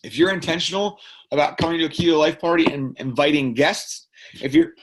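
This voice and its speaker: A man's voice: a little high, brisk. A man giving a motivational training talk to his sales team, emphatic and repetitive. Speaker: team leader.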